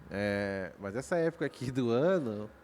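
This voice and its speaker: A man's voice: medium pitch, animated, normal speed, darkish tone. A man with a Brazilian accent, a pastor hosting a casual podcast conversation at his church, chatty and full of slangy jokes. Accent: Brazilian Portuguese. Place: church studio, recorded at night.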